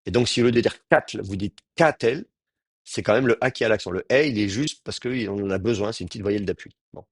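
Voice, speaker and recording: A man's voice: fairly low pitch, fast talker, no room sound, clean studio sound. A man teaching a grammar class, explaining patiently and often restarting his sentences. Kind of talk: Hebrew grammar lecture.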